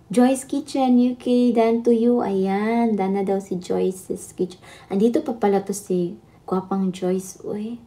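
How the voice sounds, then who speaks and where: Woman, livestream host, chatty and laughing, mellow tone. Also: mid-range voice, fairly even intonation, slow pace. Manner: chatty, laughing, switching between Tagalog and Visayan. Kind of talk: casual live chat with viewers.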